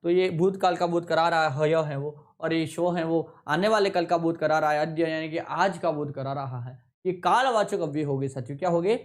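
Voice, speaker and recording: A man with a notably high voice lectures on Sanskrit. He drills each term by repeating it slowly and calls his students companions. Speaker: Sanskrit teacher. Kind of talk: classroom lecture.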